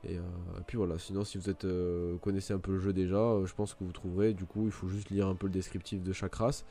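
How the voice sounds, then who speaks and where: A man's voice: low voice, little pitch movement, fast talker, warm tone. A man giving a casual, rambling game tutorial, full of fillers and restarts. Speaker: gaming video creator. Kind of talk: casual gameplay tutorial commentary.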